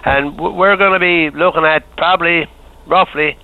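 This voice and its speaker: Radio caller on a phone line. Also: male voice, a little high, fairly even intonation, moderate pace, gravelly, no echo. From Newfoundland. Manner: folksy, enthusiastic, repeats phrases. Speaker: radio show caller, town councillor. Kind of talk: casual call-in chat.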